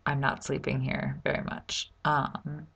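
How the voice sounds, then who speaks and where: A young American woman with a creaky voice chatting casually in a vlog, rambling and halting as she goes. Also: completely flat delivery, a bit bright. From United States. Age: young adult. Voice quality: low, creaky voice. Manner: rambling, halting, informal with swearing. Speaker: vlogger.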